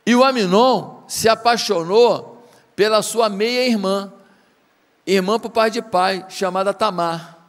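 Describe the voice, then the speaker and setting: A man's voice: high voice, slow pace, long reverb tail. A man with a Brazilian Portuguese accent preaching a sermon, retelling a story dramatically and firing rhetorical questions at the congregation. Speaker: pastor.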